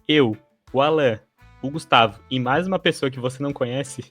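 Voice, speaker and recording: A man hosting a podcast in a casual chat, loud and joking, with a Brazilian Portuguese accent. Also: medium pitch, moderate pace, soft background music. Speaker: podcast host.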